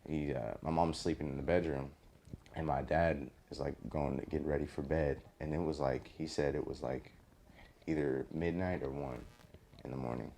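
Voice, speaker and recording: A man's voice: rumbling low, fairly even intonation, moderate pace, vocal fry, warm tone, a little hiss or hum. A young man telling a long story in a rambling, casual podcast chat, full of swearing and fillers. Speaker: podcast host.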